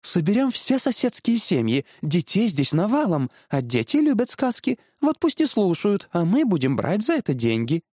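A fussy, excitable middle-aged mother, quick to fret and to gush over a new idea, as a male storyteller voices her. The voice is raised well above his own and swings a lot. It is close and dry. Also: high voice, dry recording, pitched above the performer's own voice, full character voice. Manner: fussy, gushing.

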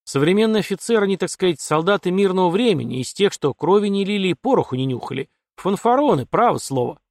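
A man doing a gruff old colonel father. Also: high-pitched, expressive, fast talker, darkish tone, dry recording, clean studio sound, pitched above the performer's own voice. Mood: grumbling. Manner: gloomy, blunt, grumbling. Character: gruff older colonel father, gloomy and blunt.

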